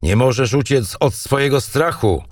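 A man's voice: mid-range voice, animated, moderate pace, no echo, clean studio sound, far from the mic, pitched above the performer's own voice, lightly acted. A man voicing a proud young Norse king who gives terse, stern commands, read in an audiobook.

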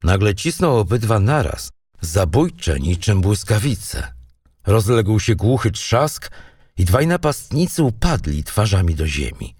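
A man narrating a historical tale in a measured, dramatic reading. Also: fairly low pitch, sing-song, darkish tone, husky, no echo, studio quality, distant mic. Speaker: audiobook narrator. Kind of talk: storybook narration.

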